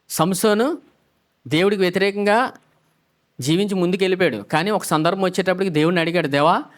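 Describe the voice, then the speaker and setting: A male pastor preaching a sermon, asking the congregation questions and repeating the key phrases back. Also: sits high.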